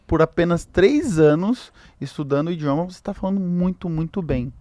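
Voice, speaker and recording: A man's voice: fairly high pitch, animated, a little fast, darkish tone. A man co-hosting a podcast interview, friendly and complimentary toward the guest. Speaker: podcast co-host. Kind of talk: casual interview.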